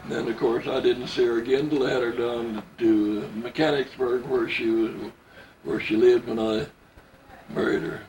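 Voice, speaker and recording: An older man telling old memories in a halting, casual way, often repeating and restarting his words. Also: mid-range voice, steady tone, darkish tone, far from the mic, a little hiss or hum. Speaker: family member telling memories. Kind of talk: casual storytelling. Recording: echoey room, away from the mic, faint ambience.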